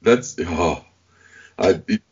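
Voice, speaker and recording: Brief: deep lively podcast host, casual interviewer, raspy, lo-fi recording. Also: male voice, drawn-out words. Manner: animated, chatty, laughs easily.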